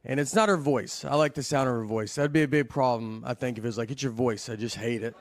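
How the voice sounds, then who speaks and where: A man in his forties from the American South, doing a stand-up routine in a deadpan, slow, bemused storytelling manner. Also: mid-range voice, background noise. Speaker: stand-up comedian. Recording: live theater with audience laughter.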